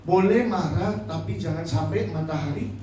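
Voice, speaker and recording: High-voiced pastor preaching in an echoey hall. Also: male voice, moderate pace, recorded from a distance, slight background noise. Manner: emotional preaching, swinging from loud to hushed. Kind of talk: sermon. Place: church hall. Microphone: handheld microphone.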